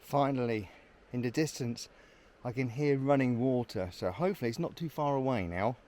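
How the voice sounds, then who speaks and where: Slightly out of breath, a man chats to his handheld camera while hiking up a mountain trail, giving casual commentary as he goes. He speaks at normal speed in a mid-range, slightly mellow voice.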